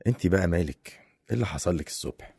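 A troubled husband in an Egyptian audio drama, acted by a man speaks in a low, husky voice. He talks quickly, and the recording is dry and close. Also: animated, dark tone, no room sound, heavily acted. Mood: worried. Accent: Egyptian Arabic. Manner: troubled, reassuring. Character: worried husband recounting a strange attack.

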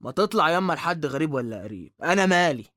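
A fast-talking Egyptian young mechanic. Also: male voice, on the high side, expressive, a bit bright, no room sound, studio quality. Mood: exasperated. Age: young adult. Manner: streetwise, complaining, slangy. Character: put-upon, cheeky young working-class mechanic son. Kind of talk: dramatic dialogue.

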